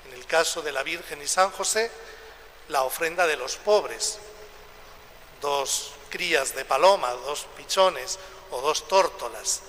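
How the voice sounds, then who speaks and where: A man speaks as a priest at Mass, his forceful, bright voice ringing through long cathedral echo. He delivers scripture and homily slowly, in short measured phrases, with some noise behind him. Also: a little high, lively intonation. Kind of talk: liturgical Gospel reading and homily. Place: large reverberant church, public address during Mass. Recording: echoing church with long reverb, background noise.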